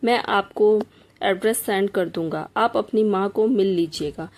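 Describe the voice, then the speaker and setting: A woman reading a storybook aloud, voicing an earnest young man who gently pleads with his older brother. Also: mid-range voice, measured pace, lightly acted.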